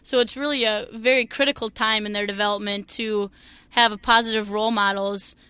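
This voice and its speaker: A young woman from Minnesota with a Minnesotan accent, answering interview questions as a new teacher, energetic and earnest. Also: mid-range voice, a little fast, clean tone, no echo.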